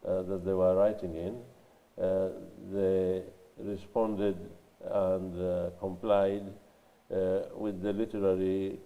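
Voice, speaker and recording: An older man with a nasal voice from a cold, answering interview questions in a measured way with many pauses and fillers. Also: low-pitched. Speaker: interviewed scholar and writer. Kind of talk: recorded library interview. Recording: dull sound with long reverb in a hall.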